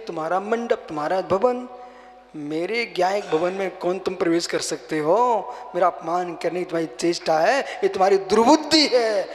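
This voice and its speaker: A man preaching a sermon as a monk, impassioned, swinging from quiet teaching to loud exhortation and slow chanting. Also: high voice. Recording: long hall reverb.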